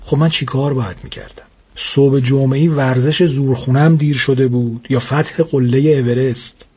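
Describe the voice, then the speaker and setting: Male comic storyteller, husky, dry and wry in delivery. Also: mid-range voice. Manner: wry, deadpan complaining. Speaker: narrator. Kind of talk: comic first-person storytelling.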